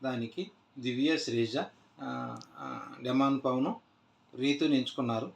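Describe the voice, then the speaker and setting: A man's voice: mid-range voice, steady tone, measured pace, creaky. A man casually recapping a reality show episode, retelling scenes loosely with many "aa" fillers and restarts. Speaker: TV show reviewer. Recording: echoey room.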